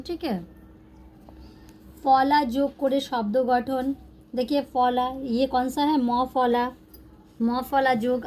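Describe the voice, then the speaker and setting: A woman teaching an online language lesson, explaining patiently and spelling out letters slowly. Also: a little high, a little mellow, a little hiss or hum.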